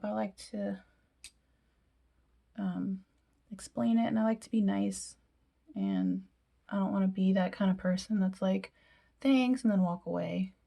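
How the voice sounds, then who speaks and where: Chatty young woman, dark gravelly voice. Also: mid-range voice. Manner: chatty, self-deprecating, drops to whispered asides. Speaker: beauty vlogger. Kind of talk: casual makeup tutorial.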